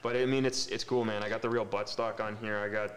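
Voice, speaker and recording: A man's voice: fairly low pitch, little pitch movement, fast talker, a bit bright, smooth. A man chatting casually and enthusiastically, laid-back and easygoing. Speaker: guest airsoft player. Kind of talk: casual chat.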